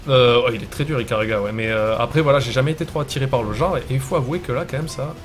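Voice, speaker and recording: A man's voice: mid-range voice, fast talker, faint music behind. A man hosting a gaming show, commentating his own play in a casual, self-mocking way.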